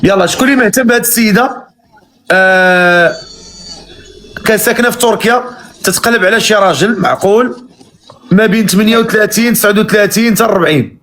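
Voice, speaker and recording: A man with a Moroccan Arabic accent hosts a live matchmaking stream, briskly calling on viewers and steering each caller. His voice sits high and his talk runs fast, with faint noise in the background. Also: fairly bright tone. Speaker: live matchmaking show host. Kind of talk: casual live-stream hosting.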